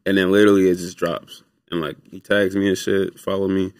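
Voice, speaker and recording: A young man, a music producer, telling stories in a relaxed, rambling interview full of fillers. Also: sits low, brisk, no room sound, studio quality. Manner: laid-back, rambling with many fillers. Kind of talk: casual storytelling interview.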